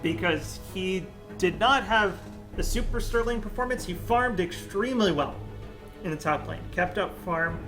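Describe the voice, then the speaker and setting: Young guy casting esports picks solo, high-ish voice, chatty, kinda jokey, faint music behind. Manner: chatty, jokey, thinks aloud. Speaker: esports caster. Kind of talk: solo esports draft commentary.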